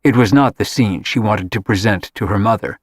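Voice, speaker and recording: A man narrating an audiobook in a steady, measured reading. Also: lowish voice, no room sound, clean studio sound. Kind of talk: scripted narration.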